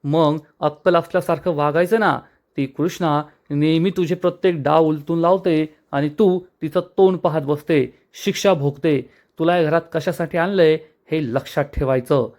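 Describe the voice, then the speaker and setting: A man's voice: a little high, normal speed, darkish tone, natural voice. A man voicing a hot-tempered, scornful young husband from a TV serial, snapping in irritation. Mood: irritated.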